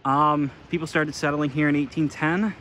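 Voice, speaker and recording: A young man casually narrating an outdoor exploring vlog in snowy woods, talking in a relaxed, unsure way with plenty of fillers. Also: on the high side, moderate pace, a little hiss or hum, rough recording. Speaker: vlogger.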